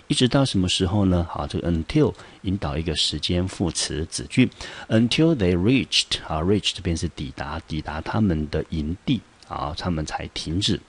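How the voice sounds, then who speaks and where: Taiwanese-accented guy teaching english words, deep husky voice, patient, keeps asking the class questions. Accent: Taiwanese Mandarin. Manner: explains patiently, asks students rhetorical questions. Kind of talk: classroom vocabulary lesson.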